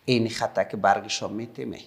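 A middle-aged man with an Afghan Dari accent, teaching young children patiently, repeating slowly and praising often. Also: lowish voice, fairly even intonation, gravelly. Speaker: primary school teacher.

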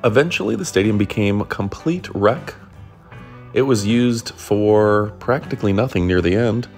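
A man's voice: on the low side, moderate pace, a little mellow, soft background music. A man hosting and narrating a casual documentary in an upbeat way, with jokey asides. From Detroit area. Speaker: host and narrator.

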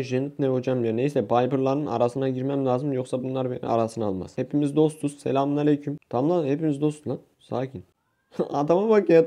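Young turkish guy yelling over his game, kinda high voice but dark mellow tone. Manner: excitable, swears, shouts and yelps in frustration. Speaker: gaming youtuber. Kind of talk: live gameplay commentary.

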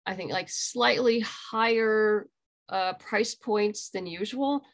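Joining an interview by video call from a room at home, a middle-aged woman who creates graphic novels explains things conversationally. Her mid-range voice moves at a slow pace, captured by the computer microphone.

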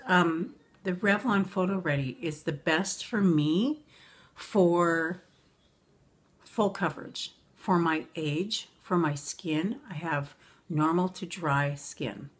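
A woman in her forties chatting casually about makeup in a rambling way, full of ums and self-corrections, recorded on a camera in her bedroom. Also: sits low. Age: 40s. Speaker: beauty vlogger. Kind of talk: casual makeup review vlog. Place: bedroom at home.

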